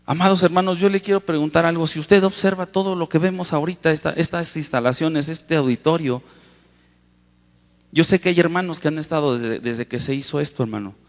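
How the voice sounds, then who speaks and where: A male preacher delivering an impassioned sermon in a large auditorium, his voice ringing with long reverb. He sits a little high for a man, draws key words out slowly and then surges louder, calling out to his listeners again and again. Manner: impassioned, keeps addressing the congregation as "hermano"; stretches key words slowly for emphasis, with sudden loud rises. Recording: reverberant hall sound.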